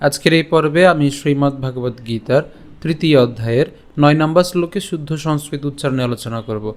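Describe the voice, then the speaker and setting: A man teaching a scripture class, explaining Sanskrit pronunciation step by step and slowly chanting the verses. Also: mid-range voice, a little mellow.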